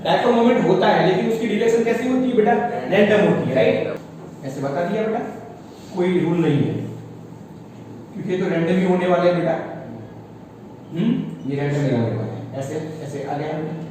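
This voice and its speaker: A man teaches physics to a live class with a high voice. He is recorded from across a classroom, so the sound is distant, with a long, echoing reverb. He keeps asking the students whether they follow. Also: normal speed, long pauses, background noise. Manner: calls students "beta", asks checking questions. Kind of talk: classroom lecture. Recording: echoey classroom from far off.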